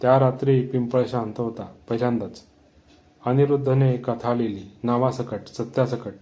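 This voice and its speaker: A man narrating a horror story in a calm, measured storytelling manner. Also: mid-range voice.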